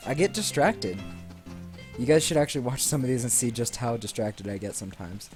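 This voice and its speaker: At a fairly quick clip and in a mid-range voice, a man rambles casually through let's play commentary, poking fun at himself and repeating phrases a lot. Game music runs in the background, captured by a desk mic that also picks up the room.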